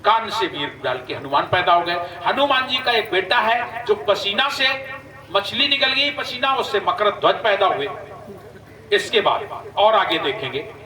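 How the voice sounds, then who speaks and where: A man with a telling religious stories as a folk sermon to a gathering, animated and acting out the characters' lines. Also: high-pitched, unhurried. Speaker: religious storyteller. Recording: echoey, far from the mic, crowd behind.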